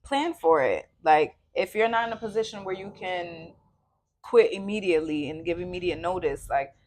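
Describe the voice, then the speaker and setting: A young woman co-hosting a podcast, chatting casually and telling stories with lively acted-out quotes. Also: lowish voice, normal speed, slight background noise. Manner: animated storytelling, acts out her own quoted lines. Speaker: podcast co-host.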